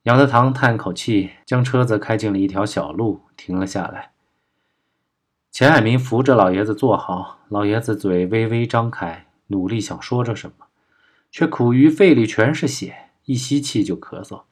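A man narrating a crime novel audiobook in a steady, even storytelling manner. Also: on the low side, normal speed, breathy edge.

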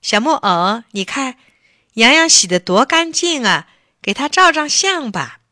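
A woman's voice: sits high, sing-song, a little slow, sharp tone, dry recording, clean studio sound, pitched above the performer's own voice, full character voice. Woman doing a sweet, kind little girl. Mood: coaxing.

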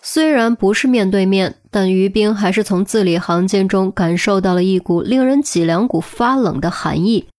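A woman reads a serialized web novel aloud. She narrates in a steady, even storytelling manner, keeping a mid-range pitch. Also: normal speed, hardly any pauses, no echo, clean studio sound. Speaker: audiobook narrator.

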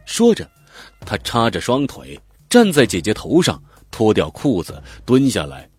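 A man narrates a grim audiobook in a low, husky voice. His pitch rises and falls in lively, expressive swings. Soft music plays quietly behind him. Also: a little slow, no echo. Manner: vivid, expressive storytelling. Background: faint background music.

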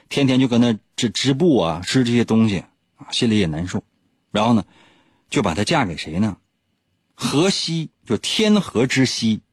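A man's voice: mid-range voice, breathy edge, no room sound. A man, a radio host telling a legend in a teasing, joking way, chuckling often. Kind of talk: joking storytelling. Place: radio studio.

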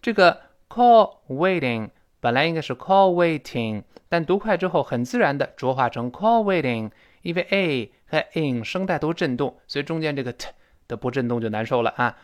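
A man teaching spoken English, who explains pronunciation and repeats words slowly and carefully, chatting with asides and soft laughs. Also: fairly high pitch, animated.

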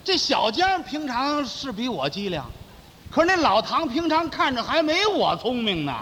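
A male crosstalk comedian teases his partner with mock innocence. His voice is high and lively. The stage recording carries long reverb and faint noise. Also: moderate pace. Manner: playful, feigns naive curiosity, exclaims.

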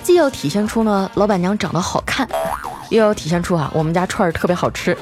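A woman host, telling funny everyday stories in a chatty way, drawing out the particles at the ends of phrases. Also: fairly low pitch. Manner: chatty, drawn-out sentence-final particles. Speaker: streaming host. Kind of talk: comic storytelling monologue. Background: background music.

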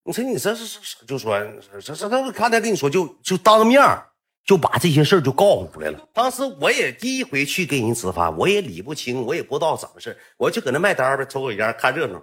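Fast, animated Northeastern Mandarin man. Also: fairly high pitch. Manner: animated, rambling, swears freely. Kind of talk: casual storytelling.

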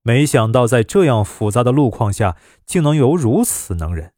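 A man telling a story aloud with a lively, widely swinging voice that rises and falls through the tense scenes. His pitch sits in an ordinary middle range, and the recording is dry and close with no room sound. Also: moderate pace, no echo. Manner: expressive, dramatic storytelling. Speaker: narrator. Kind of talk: story narration.

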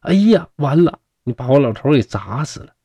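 A man doing a shrill panicky young wife in Northeastern Mandarin. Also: big pitch swings, moderate pace, warm tone, breathy edge, no room sound, exaggerated voice. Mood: shocked.

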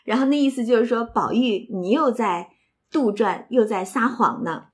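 A woman's voice: a little high, moderate pace. Chatty woman retelling a classic novel. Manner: chatty, asides and rhetorical questions. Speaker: literature storyteller and explainer.

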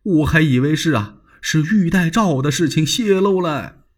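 A male storyteller voicing a cautious, worried eldest sworn brother who hushes and placates his younger brothers. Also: a little high, lively intonation, moderate pace, pitched above the performer's own voice. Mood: anxious.

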